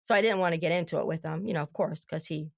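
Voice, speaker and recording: A woman's voice: deep voice, fast talker, vocal fry, no echo, clean studio sound. A woman guest on a podcast who tells her story animatedly and acts out both sides of each conversation. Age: adult with children. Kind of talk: storytelling in casual chat.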